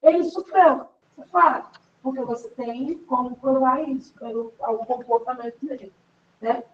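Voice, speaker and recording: A woman's voice: high voice, normal speed, recorded from a distance, lo-fi sound. A woman teaching an online class in a chatty, rambling way, full of fillers.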